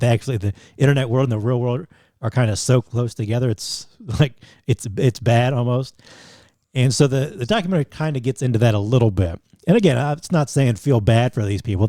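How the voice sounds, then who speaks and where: A man's voice: medium pitch, warm tone, no room sound, studio quality. A man co-hosting a podcast in casual chat, rambling with many restarts and fillers. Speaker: podcast co-host.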